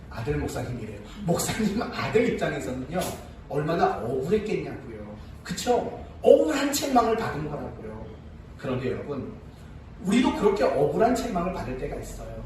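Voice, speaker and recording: A man's voice: fairly high pitch, a little mellow, heavy reverb, distant mic, slight background noise, poor audio. A male pastor preaching a sermon and telling a story, often asking the congregation rhetorical questions.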